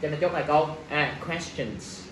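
Lively man teaching an English exam class. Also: fairly high pitch, moderate pace. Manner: lively, jokes with students, asks the class questions. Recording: echoey room, faint ambient noise.

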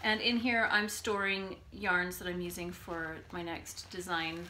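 A woman with a nasal, bright voice talks in a relaxed, chatty way as she co-hosts a podcast. She laughs easily. Her recording is a home phone setup, and a faint hiss sits under it. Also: on the low side, measured pace. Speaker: podcast co-host. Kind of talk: casual chat.

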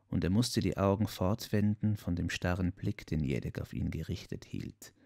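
A man reading a classic story aloud as an audiobook narrator, measured and storytelling. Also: deep voice, creaky, a little mellow.

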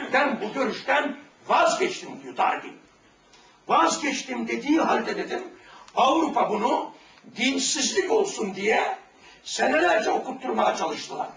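A man telling religious stories and anecdotes to young listeners, animated and often raising his voice to a shout, retelling exchanges in quoted dialogue. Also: extremely high pitch. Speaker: religious storyteller giving a talk. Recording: roomy, distant mic with background noise.

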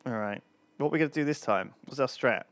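A man co-hosting a gaming stream, excitable and animated in casual banter over a headset mic. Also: medium pitch, fast. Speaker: gaming channel co-host.

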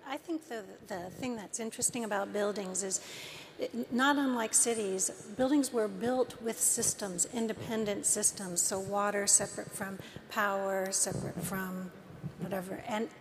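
Gravelly-voiced woman panelist. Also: medium pitch, fairly even intonation, moderate pace. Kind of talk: panel discussion. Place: large auditorium stage. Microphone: lapel. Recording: hall reverb, faint room noise.

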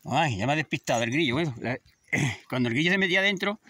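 A man's voice: a little high, lively intonation, fast talker, bright, forceful tone. A man in his fifties, a shepherd chatting casually outdoors in a vlog. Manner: chatty, scolds animals between stories. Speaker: shepherd vlogger. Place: outdoors in a field.

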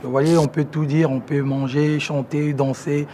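Speaking on a plant-filled garden terrace outdoors, this musician in his thirties from Congo presents his interests to camera in a loose, hesitant way, leaning on many fillers. Lingala is his first language, and he talks with a Congolese French accent at a measured pace, his pitch on the high side. Music runs under the recording, along with a bit of background noise.

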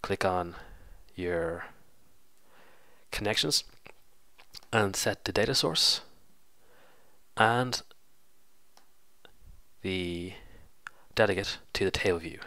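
He speaks slowly with long pauses, his deep voice carrying a sharp tone and no room sound. A programming host with a stuffy cold, he casually guides viewers through a screen-recorded coding tutorial step by step, correcting himself as he goes.

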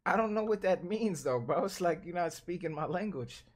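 A man's voice: high-pitched, animated, moderate pace, no room sound. A young man streaming from a bedroom on a headset, brashly teasing strangers on video chat with crude jokes. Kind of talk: casual trolling banter. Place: small bedroom with blinds.

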